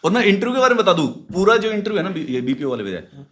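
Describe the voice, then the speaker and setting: A man's voice: high voice, sing-song, rapid-fire, a bit bright. A man with a Haryanvi accent chatting as a stream guest, telling easygoing stories and laughing often. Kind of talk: casual chat on a live stream.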